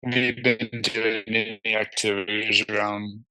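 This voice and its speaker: A man's voice: fairly low pitch, little pitch movement, unhurried, pushed and bright, a little hiss or hum, low-quality recording. A man co-hosting a podcast over a video call, chatting casually with dry, offhand quips. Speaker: podcast co-host. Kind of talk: casual chat.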